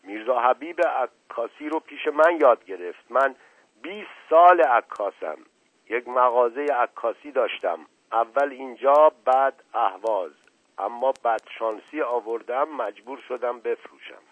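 A man voicing a boastful, smooth-talking male street photographer with bragging, overly polite sales talk, in a dull lo-fi radio recording. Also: mid-range voice, expressive, dry recording, voice pushed up, close to an everyday voice.

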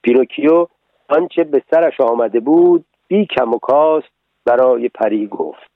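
A man's voice: medium pitch, no echo. Man reading a story over tinny radio. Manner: steady, measured narration. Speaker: narrator. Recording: tinny lo-fi radio broadcast, dry.

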